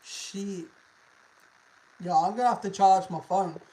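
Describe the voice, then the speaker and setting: A content creator talks casually to a livestream audience at a middling pitch. The delivery is informal and full of slang and swearing, with phrases often repeated. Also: slow, mellow, rough recording.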